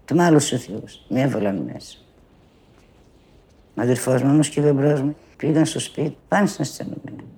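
An older woman telling a personal story from her youth, bringing it to life by acting out the voices of the people in it. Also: a bass voice. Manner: animated retelling, acting out quoted speech with many asides of "she says".

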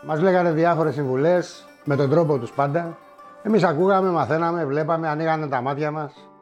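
A middle-aged man telling old stories in a wry, unhurried way, with many asides and fillers. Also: on the high side, muffled recording, soft background music. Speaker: storyteller. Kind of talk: spoken reminiscence.

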